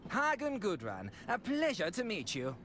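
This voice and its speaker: A woman's voice: mid-range voice, huge pitch swings, moderate pace, fairly bright tone, slight background noise. A woman voicing a dim-witted, petulant, squabbling aristocratic son in a comedic game. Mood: confused. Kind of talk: comedic adventure game acting.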